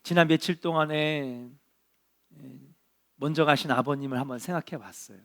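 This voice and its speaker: A middle-aged man preaching a sermon as a pastor, earnest and drawn-out, asking rhetorical questions and dropping in short affirming interjections. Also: fairly high pitch, a bit bright.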